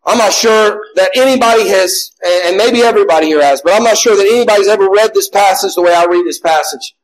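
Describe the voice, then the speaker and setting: High-voiced impassioned male preacher. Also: fast talker, low-quality recording. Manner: impassioned, often rising to a shout, with many restarts. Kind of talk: sermon with personal testimony.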